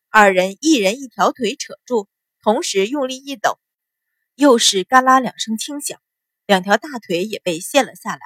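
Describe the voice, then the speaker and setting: A woman narrating a story aloud and voicing each character, louder for the shouting and softer for the taunts. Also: a little high, no echo. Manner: shifts louder and forceful for the captive's shouted lines, softer for the women's taunts. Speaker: audiobook narrator.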